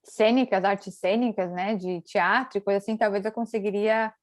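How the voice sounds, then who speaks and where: A woman, hosting a casual conversation in a relaxed manner. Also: mid-range voice, moderate pace, no room sound, studio quality. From Brazil. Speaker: host.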